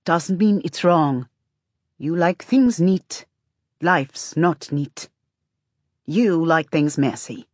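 A woman's voice: deep voice, extremely slow, pauses often, no echo, clean studio sound, heavily acted. A woman voicing a blunt, stubborn, teasing woman in audiobook dialogue, with a sardonic, needling manner.

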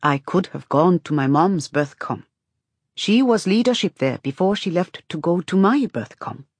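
A woman's voice: lowish voice, lively intonation, normal speed, a little mellow, slightly rough, no echo. A woman voicing a blunt, stubborn, teasing woman in audiobook dialogue, with a sardonic, needling manner.

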